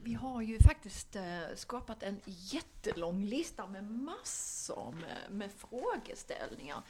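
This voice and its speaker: A woman's voice: mid-range voice, very animated, dark tone, slight background noise. A woman hosting a casual community radio show, chatting loosely, giggling and using plenty of fillers. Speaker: radio host.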